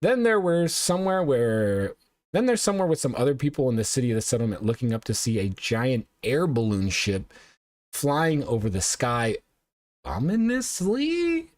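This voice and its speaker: A man's voice: mid-range voice, animated, normal speed, a little mellow, no echo. A male show host casually recapping and reviewing anime episodes, rambling and often correcting himself with lots of uhs.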